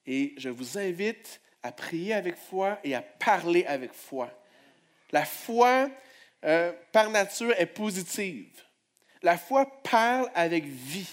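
Male pastor, fairly high voice, sermon with hushed prayers and booming calls to the crowd. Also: expressive, takes it slowly. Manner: swings from hushed prayer to loud exclamations; calls on the congregation to respond.

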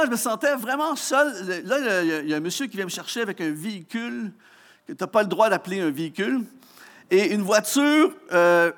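High-voiced Québécois preacher, lively and humorous. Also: male voice. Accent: Québécois French. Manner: animated, humorous storytelling with frequent restarts. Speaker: pastor. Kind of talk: sermon with personal anecdote.

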